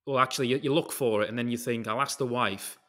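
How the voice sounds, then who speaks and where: A British concrete craftsman, appearing as a podcast guest, chats casually in a medium-pitched, steady voice that's fast, pushed and bright. His stories ramble from tangent to tangent, with the odd swear word thrown in.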